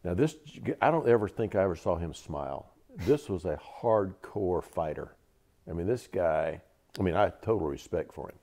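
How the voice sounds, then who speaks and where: Older southern guy telling stories, deep mellow voice, acts out the quotes. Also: lively intonation, moderate pace. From Georgia, USA. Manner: vivid, acts out quotes, repeats for emphasis. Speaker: interview guest, veteran. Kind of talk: storytelling interview.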